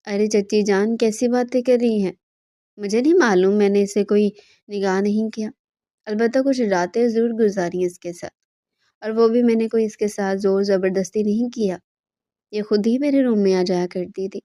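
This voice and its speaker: Cold vengeful young man, read by a woman narrator; mellow, dry. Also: mid-range voice, steady tone, dry recording, close to an everyday voice. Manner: cold, dismissive.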